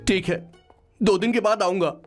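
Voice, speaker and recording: A man's voice: high-pitched, fairly even intonation, normal speed, soft background music, lightly acted. An actor playing a talkative male assistant who narrates his boss's story in a dubbed film, stumbling over names. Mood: lively. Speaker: narrator and sidekick.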